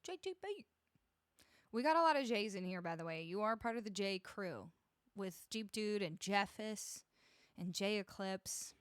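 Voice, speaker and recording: Speaking unhurriedly in an expressive, mid-range voice, a woman who streams music chats casually with her live audience, greeting every viewer by name and laughing frequently. A close studio broadcast mic leaves no room sound.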